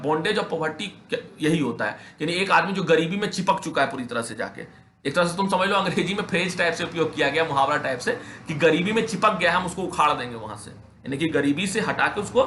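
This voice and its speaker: Young male teacher, fairly high voice, reads slowly and explains emphatically. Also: a bit bright, echoey room, a little hiss or hum. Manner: reads English lines slowly, then explains with rising emphasis; quizzes students with rhetorical questions. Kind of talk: class lesson explaining an English text in Hindi.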